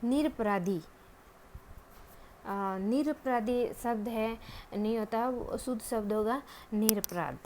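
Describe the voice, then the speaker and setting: Slow, deliberate woman teaching Hindi spelling. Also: a little high, a little mellow, a little hiss or hum. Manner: patient, deliberate, many drawn-out hesitations.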